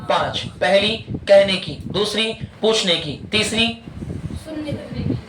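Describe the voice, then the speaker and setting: Male English teacher, high voice, drills students with questions; noisy classroom. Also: big pitch swings. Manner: quizzing students with repeated questions, drawn-out English phrases. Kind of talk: classroom language lesson. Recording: echoey room with loud background noise.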